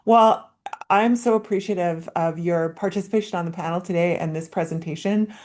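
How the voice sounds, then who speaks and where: A woman's voice: fairly low pitch, brisk, a little mellow. A woman moderating a webinar panel, relaying audience questions and affirming the speaker over a video call.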